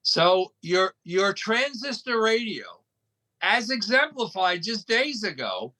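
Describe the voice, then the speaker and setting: Slow and forceful, this man's bright voice sits high and swings widely in pitch, captured on poor audio. He's a radio station operator being interviewed, and his explanations come across as emphatic, homespun storytelling.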